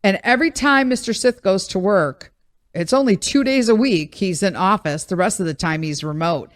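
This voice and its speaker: Podcast host, woman, thirties, blunt and rambling, mid-pitched voice. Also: normal speed. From Chicago, USA. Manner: blunt, rambling, exasperated asides. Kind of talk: casual monologue.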